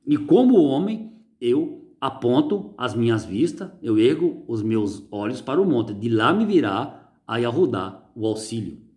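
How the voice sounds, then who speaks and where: A man, reading and preaching on religious writing, emphatic and slowing on key words, soft and quiet when closing. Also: mid-range voice, sing-song. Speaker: religious teacher.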